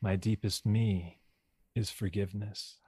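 A man guides a meditation in a low, husky voice with a dark, mellow tone. He speaks hushed and slow, repeating each affirmation gently. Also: steady tone.

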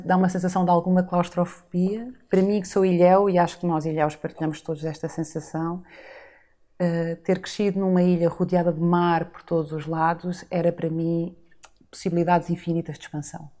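A woman's voice: fairly low pitch, level tone, a little fast, mellow. A woman in her forties from the Azores, telling her life story as a guest in a casual interview, reflective and full of rhetorical asides. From Azores, Portugal. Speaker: podcast guest.

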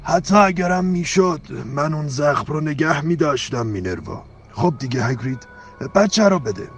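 A man's voice: fairly high pitch, animated, natural voice. Dumbledore, a man voicing a kindly old wizard. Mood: gentle solemn. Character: old wise male wizard headmaster, calm, gentle. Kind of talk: Persian radio-play acting. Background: faint music.

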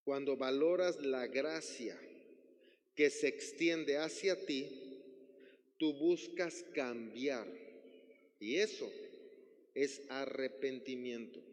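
A man's voice: medium pitch, slow pace, long pauses, in a large hall. A man preaching a sermon, often asking the congregation questions. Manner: asks the congregation questions, acts out quotes. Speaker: pastor.

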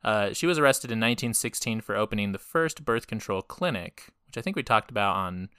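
A man's voice: lowish voice, lively intonation, fairly quick, bright, forceful tone, clean tone, no room sound, clean studio sound. A man co-hosting a podcast, talking through history in a laid-back, profanity-laced way and laughing often. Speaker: podcast co-host. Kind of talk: casual history podcast chat.

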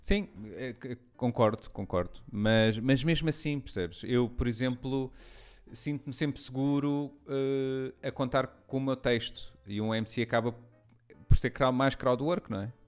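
A man's voice: mid-range voice, measured pace, clean tone, faint music behind. A man chatting casually, explaining his thoughts carefully and checking for agreement. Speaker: stand-up comedian. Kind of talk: casual conversation.

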